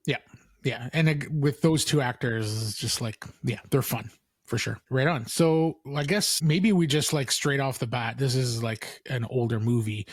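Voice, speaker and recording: A man hosting a podcast in casual chat, relaxed and filler-heavy, often restarting his sentences. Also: mid-range voice, a little slow, no echo. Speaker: podcast host.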